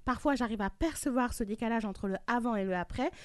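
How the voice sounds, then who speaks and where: Speaking a little high and fairly quickly, a woman with a darkish tone hosts a panel discussion, teaching definitions one step at a time through everyday examples. The recording is dry with clean studio sound.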